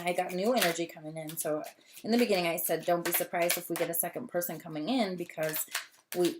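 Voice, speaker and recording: A woman doing a casual tarot reading to camera, talkative and long-winded, gushing and easily excited. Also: fairly low pitch, noisy background. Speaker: tarot reader.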